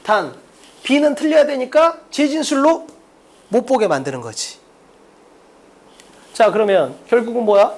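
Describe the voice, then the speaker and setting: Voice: mid-range voice, expressive, unhurried, long pauses. An English exam-prep teacher explaining a mock test in a lecture, firing rhetorical questions at students and drilling points with emphasis. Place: lecture room at a board.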